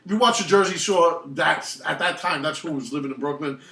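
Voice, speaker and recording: A man's voice: fairly high pitch, brisk, creaky, recorded from a distance. A man, telling rambling film stories in casual chat, full of restarts. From New York. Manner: rambling, animated storytelling with many restarts. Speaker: podcast host. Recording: roomy echo, off-mic.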